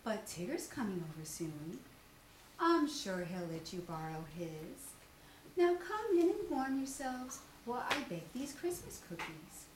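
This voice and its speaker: A woman voicing a kindly, motherly female kangaroo in a gentle, hospitable storybook manner. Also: on the high side, sing-song, unhurried. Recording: distant echoey room with faint noise.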